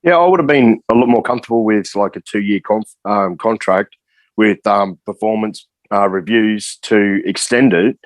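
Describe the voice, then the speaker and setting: A man's voice: lowish voice, moderate pace, no echo, low-quality recording. An Australian man, a guest coach, giving his view in a hesitant, plain-spoken way with many fillers. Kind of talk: casual podcast discussion.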